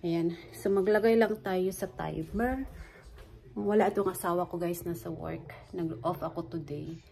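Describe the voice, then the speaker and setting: With a fairly low, warm voice, fairly even intonation and a slightly slow pace, a middle-aged woman with a Filipino accent chats with viewers while baking, blending Tagalog and English. The clearly noisy audio was captured indoors in her small home kitchen on a phone propped nearby or held at arm's length.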